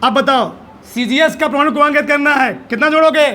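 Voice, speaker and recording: A man's voice: extremely high pitch, fast, sharp tone. A male teacher giving a lecture, asking questions and answering them himself, repeating each answer to drill it in. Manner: quizzing, asks then answers his own questions; emphatic, drills answers by repetition. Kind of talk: classroom lecture.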